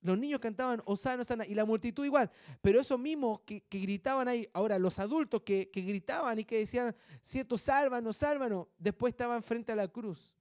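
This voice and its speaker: A male pastor preaching a sermon, with animated delivery and muttered asides that mimic gossip. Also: very high voice, brisk, no room sound, studio quality.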